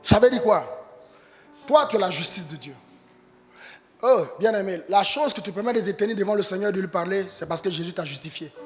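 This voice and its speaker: Male pastor, fiery shouting sermon, high pitch, long church reverb. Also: fairly quick, soft background music. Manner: impassioned preaching, rising to shouts.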